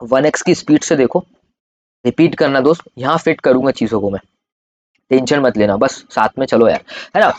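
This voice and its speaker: A young man teaching an exam coaching lecture, drilling points by loud repetition in a coaxing, informal way, his throat strained from shouting. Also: medium pitch, moderate pace, long pauses, lo-fi sound. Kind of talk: Hindi-English coaching lecture.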